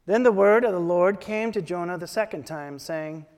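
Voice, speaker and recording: A man's voice: high voice, darkish tone. Man reading in cathedral echo. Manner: measured, solemn reading aloud. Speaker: officiant leading worship. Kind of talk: liturgical prayer and scripture reading. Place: large church. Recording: long reverb of a large church.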